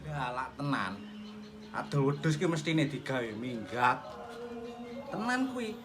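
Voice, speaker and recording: A man's voice: mid-range voice, sing-song, unhurried, roomy sound. A man with a Javanese accent, gossiping and pleading in a village comedy sketch. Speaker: comic actor. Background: music.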